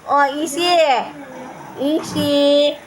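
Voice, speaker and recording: Woman pet vlogger, high voice, slow unhurried talk, calls to her cats and dogs, faint background noise. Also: flat delivery, low-quality recording. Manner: coos and calls to her pets. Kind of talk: casual pet vlog. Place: at home with her pets.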